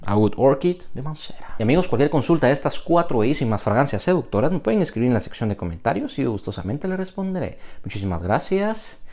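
Young male fragrance reviewer, enthusiastic, very animated pitch, mid-range voice. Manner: enthusiastic, lively intonation. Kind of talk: product review vlog.

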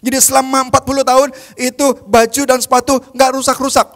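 Animated high-voiced male preacher. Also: fast. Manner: animated storytelling, swings from loud to very soft; mixes in English phrases. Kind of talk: youth service sermon. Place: church.

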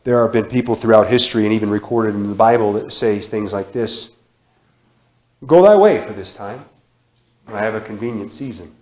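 A man in his thirties preaching a sermon in a church sanctuary, repeating phrases with emphasis and sudden drops to a hush. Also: fairly low pitch, brisk. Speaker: guest preacher. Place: church sanctuary, large indoor room. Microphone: far camera, room mic. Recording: echoey church hall.

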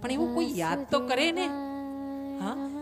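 A fairly high-voiced woman with a Gujarati accent preaches a devotional katha, telling the story with emphasis and rising to loud fervor at its peaks. Loud devotional music plays steadily behind her voice. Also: lively intonation, unhurried.

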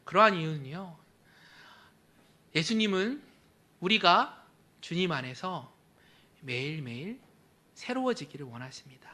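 Pastor guy preaching in church, high sharp voice, gets loud then goes almost whispery. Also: animated, measured pace, pauses often. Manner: emphatic preaching that drops to a near whisper at phrase ends. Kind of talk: sermon.

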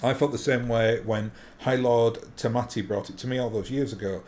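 A man voicing an honourable noble lord from a video game, formal, measured and stately. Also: medium pitch, fairly even intonation, a little mellow, close to an everyday voice. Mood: grave, grateful. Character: courteous noble lord, grave, grateful, honourable. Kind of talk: reading game dialogue aloud in character. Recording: faint background noise.

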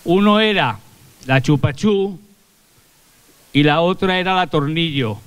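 A man's voice: on the high side, expressive, unhurried, fairly bright tone, clear, resonant tone, dry recording. An older male stage comedian and singer telling chatty, crude jokes live on a theatre stage with a handheld mic. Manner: chatty, folksy storytelling with crude slang. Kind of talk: live stand-up joke telling.

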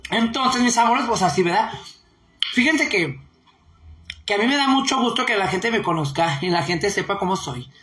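A Mexican woman hosts a casual live stream and reads viewer comments aloud. She rambles playfully and giggles, salting her talk with crude local slang. Her voice is bright and a bit sharp, with a roomy echo around it. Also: mid-range voice, lively intonation, moderate pace. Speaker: online streamer.

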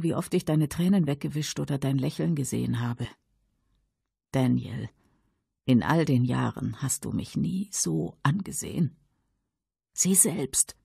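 A man voicing a tense middle-aged mother who pleads and justifies herself urgently, in a husky, creaky voice. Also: mid-range voice, warm tone, dry recording, clean studio sound, pitched above the performer's own voice, heavily acted. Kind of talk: audiobook character voice.

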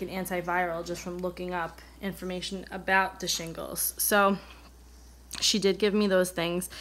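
Sitting indoors at a table and coloring for the camera, this American vlogger speaks to her regular viewers at a medium pitch with a fairly bright tone. A mild cold makes her sound slightly off as she rambles candidly through a personal story, replaying who said what.

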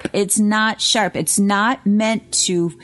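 A woman's voice: medium pitch, steady tone, slow, fairly bright tone. A woman co-hosting a casual podcast chat, emphatic and prone to repeating points for stress. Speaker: podcast co-host, witchcraft shop worker.

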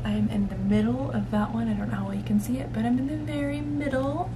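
Talking fast in a steady, slightly high voice, a woman in her thirties chats informally to her camera from a small bedroom, poking fun at herself. The camera sits at arm's length or nearby, picking up noisy audio and room hum.

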